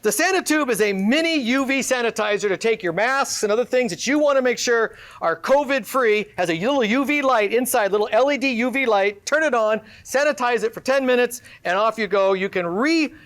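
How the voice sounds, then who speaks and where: High-voiced upbeat male emcee. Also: lively intonation, a little fast, hardly any pauses, fairly bright tone. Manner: upbeat pitchman delivery, joking asides to the audience. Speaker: event emcee. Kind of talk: live emcee patter introducing student products. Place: event venue with audience.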